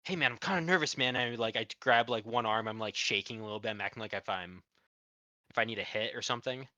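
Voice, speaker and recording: A man's voice: medium pitch, quick pace, pushed and bright, lo-fi sound. A man playing a tabletop game, chatting casually as he improvises his role.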